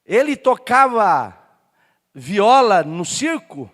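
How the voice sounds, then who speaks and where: A Brazilian man preaching a sermon as pastor, telling a story and building up to shouted passion. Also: sits high, sing-song, slow pace. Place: church. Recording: long church hall reverb.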